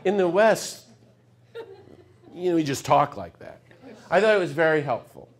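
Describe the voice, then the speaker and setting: A middle-aged man giving a public lecture, telling stories with sudden swings from hushed asides to loud, fired-up passages. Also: fairly high pitch, sing-song, normal speed. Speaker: speaker.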